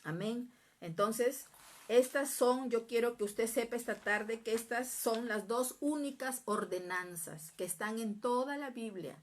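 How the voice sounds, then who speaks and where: A woman's voice: fairly high pitch, unhurried. Earnest woman teaching the Bible. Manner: earnest, repetitive, asks "¿Mm?" to check listeners; acts out prayers and quoted speech.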